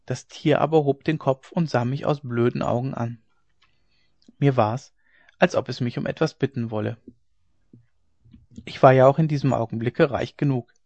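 A man voicing an earnest young male dike master who speaks with firm, warm assurance, on a dry, dull lo-fi recording. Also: mid-range voice, normal speed, long pauses, dry recording, natural voice. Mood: recounting.

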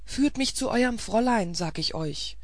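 A woman voicing a desperate armed young man who shouts his urgent demands and pleas in a storybook reading. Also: on the high side, animated, normal speed, no echo. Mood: demanding.

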